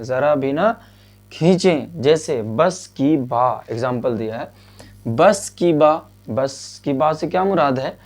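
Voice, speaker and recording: A man teaching a Quran reading lesson, patiently asking questions and answering them himself, and drilling letter sounds slowly. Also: fairly high pitch, a little mellow. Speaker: religious teacher.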